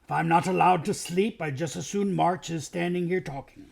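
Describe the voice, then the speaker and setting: A man's voice: a little high, moderate pace, creaky, darkish tone. A man reading aloud, voicing a grumbling, impatient male dwarf in a storybook reading.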